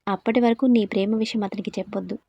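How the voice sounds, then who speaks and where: A woman voicing a calm, protective older brother in an audio story, advising his sister in a reassuring way. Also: high voice, quick pace, creaky, dry recording, dull audio.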